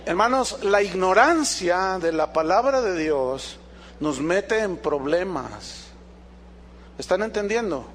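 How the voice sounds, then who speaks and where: Animated high-voiced male preacher. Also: a little hiss or hum. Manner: animated preaching, acts out dialogues, rhetorical questions. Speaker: pastor. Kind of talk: sermon.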